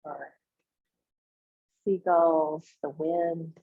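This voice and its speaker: A woman meditation guide, low-voiced and slightly husky, leads a visualization in a steady tone, speaking in brief, unhurried instructional phrases with pauses. The sound is muffled, with a roomy echo.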